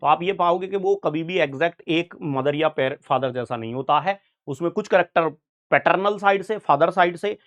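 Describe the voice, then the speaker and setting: A young man teaches biology in an online exam-prep lecture. His voice sits slightly high for a man. He talks in a chatty, informal way and keeps checking in with his students. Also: normal speed, fairly bright tone, highs cut off. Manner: chatty, keeps asking "right, sir?" to students.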